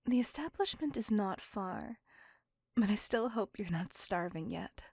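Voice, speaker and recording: In a hushed, breathy ASMR roleplay, a woman voices a courteous, doting, possessive vampire, speaking gently in formal, courtly phrases. Her mid-range voice is a near-whisper, fully in character, with no echo, and the mood is tender and charmed.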